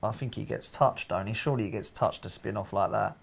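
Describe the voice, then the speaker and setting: A man's voice: on the low side, brisk, vocal fry. A man co-commentating on a race in an informal, slangy motorsport commentary style.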